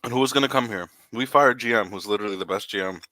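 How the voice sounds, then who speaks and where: A man with a lowish voice that has a forceful, bright edge. He rambles through his opinions as a podcast host, restarting his sentences often. The sound is dry and close. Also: very fast, no room sound. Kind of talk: casual sports chat.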